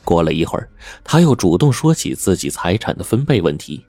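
A man tells a serialized story with dramatic flair. His voice sits deep and husky, swinging widely in pitch as he narrates. A soft music bed plays beneath him. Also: very animated, a little fast, no echo.

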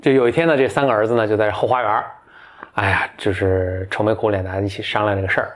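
A man's voice: fairly low pitch, fairly even intonation, fast talker. A man, a podcast host telling a fairy tale in a casual, chatty way. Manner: chatty, with many fillers and restarts. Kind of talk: casual storytelling.

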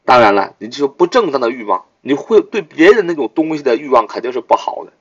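A man's voice: mid-range voice, sing-song, quick pace, breathy edge. A man teaching English vocabulary, repeating each word three times and spelling it out letter by letter, then explaining it with emphatic questions. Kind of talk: vocabulary lesson. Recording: dull lo-fi recording.

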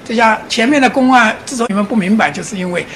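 A man giving a public lecture, animated, often asking his audience rhetorical questions and chuckling as he explains. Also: sits high, quick pace, a little hiss or hum. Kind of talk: public lecture on Chinese classics and Zen.

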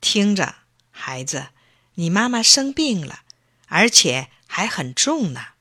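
A woman voicing a serious, cautious male doctor in a children's story, speaking in measured warnings. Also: fairly low pitch, sing-song, pushed and bright, slightly rough, heavily acted. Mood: grave. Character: grave adult male doctor, worried and cautious.

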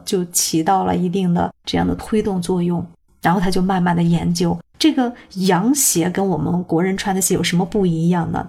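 Gravelly woman podcaster telling history. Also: lowish voice, darkish tone. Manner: chatty, asks listeners rhetorical questions. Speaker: podcast host. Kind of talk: casual storytelling podcast.

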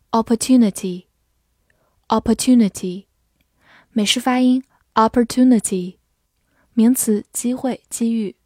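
A woman in a scripted vocabulary lesson, drilling each word slowly and deliberately before giving its meanings. Her voice is mellow and dark, spoken at an unhurried pace. The recording is dry and close, with no room sound. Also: mid-range voice, no echo. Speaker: English vocabulary teacher.

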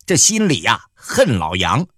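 A man narrating an audiobook in a colloquial, animated storytelling manner. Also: mid-range voice, unhurried, no echo, clean studio sound.

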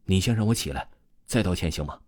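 Deadpan young guy student, as a male narrator does him, wry, unbothered, mellow low voice. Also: normal speed, dry recording, studio quality. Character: calm, dry-humored young male student.

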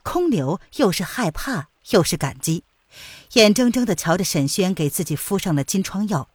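A woman narrating a martial-arts novel in an expressive storytelling manner. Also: fairly low pitch, normal speed, breathy edge, dry recording, clean studio sound.

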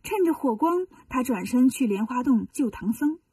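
A woman narrating a children's story in a lively, folksy way. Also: high voice, moderate pace, husky, no room sound, far from the mic.

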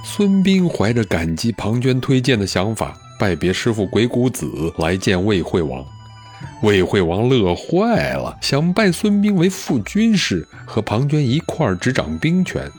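A man narrating a historical story in an expressive, conversational storytelling manner. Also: fairly low pitch. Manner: expressive, conversational with drawn-out particles.

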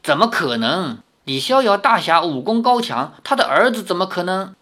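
A reader voicing an old woman, an elder who questions a young stranger sharply and then warms to him with formal, old-fashioned courtesy. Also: mid-range voice, very animated, moderate pace, voice pushed up. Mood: puzzled. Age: older. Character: stern then kindly old woman, elder of a hidden sect.

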